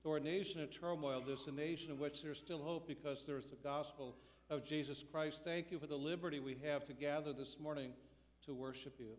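A man leading a church service in solemn, measured liturgical prayer, his voice ringing with cathedral-like echo. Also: fairly high pitch, steady tone. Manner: measured, solemn, phrase-by-phrase delivery. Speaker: pastor leading worship. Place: church sanctuary during a service. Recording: long church reverb, voice from a distance.

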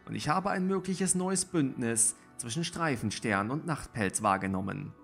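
A man voicing a serious, commanding she-cat clan leader who speaks gravely in a storybook reading. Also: medium pitch, animated, fairly bright tone, soft background music. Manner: grave, measured.

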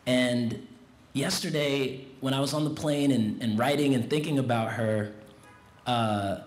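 As the guest speaker at an outdoor graduation, a man in his thirties delivers a commencement speech from a podium mic on a stand inside a large tent. He talks in a relaxed, conversational, unhurried way at medium pitch and gets the crowd involved. The recording has a roomy tent sound with faint noise.

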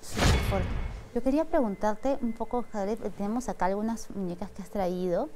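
Una mujer con acento peruano que entrevista a sus invitados en un programa de televisión, con un hablar rápido y apurado. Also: female voice, medium pitch, brisk, noisy background. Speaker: interviewer. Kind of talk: TV interview questions.

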